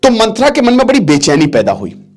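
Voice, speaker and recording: Brief: male teacher, storytelling lesson, high voice, chatty explainer who checks in with students. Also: wildly swooping pitch, fairly quick, darkish tone. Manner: explains as he goes, mixes in English words, checks if students follow.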